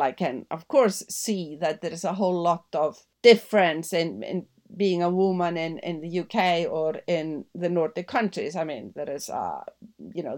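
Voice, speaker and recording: A middle-aged woman from Iceland with an Icelandic accent, answering interview questions thoughtfully, with many fillers and restarts. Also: lowish voice. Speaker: guest. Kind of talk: podcast interview conversation.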